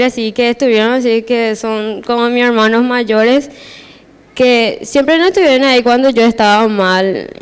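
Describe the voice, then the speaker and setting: A woman's voice: on the high side, clear, resonant tone. A teenage girl giving a personal church testimony, hesitant and repeating her words as she restarts.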